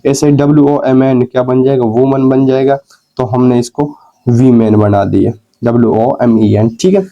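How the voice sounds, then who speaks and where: A man's voice: mid-range voice, fairly even intonation, normal speed, dull audio. A male teacher, patiently explaining grammar rules and checking in with his students again and again. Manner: repeats "ठीक है" to check understanding, asks and answers his own questions. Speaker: English teacher.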